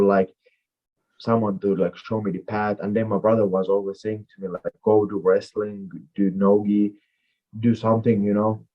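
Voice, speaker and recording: A man's voice: on the low side, dull audio. A man in his twenties, raised in Finland and a native Finnish speaker, giving rambling, filler-heavy answers as a fighter in an interview. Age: 20s. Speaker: MMA fighter guest.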